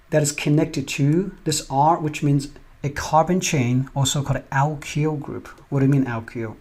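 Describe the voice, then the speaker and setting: Husky-voiced man giving a chemistry lecture. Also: fairly high pitch, a little mellow. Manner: explains step by step, often asks "right?". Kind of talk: recorded lecture over slides.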